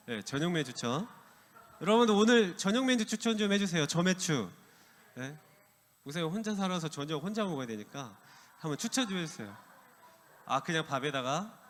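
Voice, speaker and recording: Animated male youth preacher. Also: a little high, long reverb tail. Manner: animated, asks the audience questions. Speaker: youth pastor. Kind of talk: youth sermon with storytelling. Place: church worship hall.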